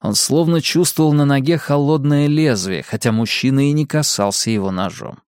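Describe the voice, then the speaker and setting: A male narrator reading a dark thriller in a measured, tense way. His voice sits in a medium pitch. The recording is dry and intimate, close to the mic. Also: clean tone, dry recording. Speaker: audiobook narrator.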